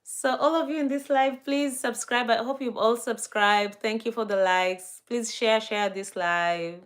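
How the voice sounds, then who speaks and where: Hosting a casual livestream, a woman with a Kenyan accent greets viewers and goes through their comments, talking easily but with many fillers and restarts. Her voice is fairly high and steady, and she speaks a little slowly.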